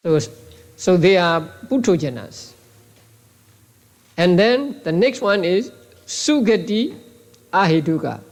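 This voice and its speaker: An older man with a Burmese accent, a monk teaching a class, speaking haltingly with many repeats and restarts on an old tape. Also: high voice, a little mellow. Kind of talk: classroom lecture.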